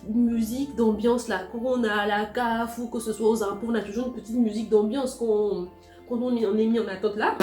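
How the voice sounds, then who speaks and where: Vlogueuse animée et indignée, petite musique derrière. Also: female voice, on the high side. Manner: animated, slangy, indignant retelling. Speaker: vlogger. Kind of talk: storytime vlog. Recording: roomy echo.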